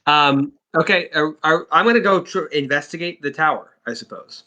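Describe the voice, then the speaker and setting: A man's voice: on the high side, normal speed, highs cut off. A man joking around as a player in a tabletop game. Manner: joking, lively. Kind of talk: casual role-play banter.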